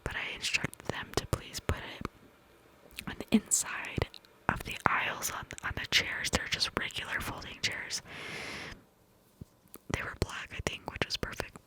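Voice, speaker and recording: A woman's voice: unhurried, long pauses, low-quality recording. Woman whispering into cupped hands, ASMR. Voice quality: breathy, unvoiced cupped whisper. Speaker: ASMR video creator.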